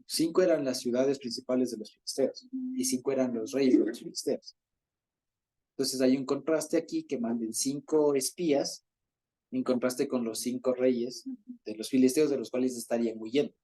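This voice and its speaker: A man's voice: mid-range voice, moderate pace, dark tone. A man leading a Bible study, reading passages aloud and often checking in with his listeners. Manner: keeps checking in with the group, reads passages aloud; chuckles while explaining.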